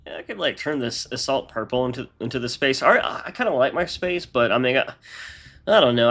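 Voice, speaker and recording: A man's voice: fairly low pitch, creaky, fairly bright tone. A man with a congested, nasal voice, chatting casually on a live stream as he rambles through his modding work aloud.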